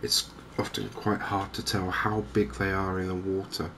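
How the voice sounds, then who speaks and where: A man hosts a cozy gaming video, speaking softly and low in a gentle, unhurried way with very little rise and fall, almost as if musing to himself. Clear, steady game ambience plays behind his quiet ASMR-style commentary.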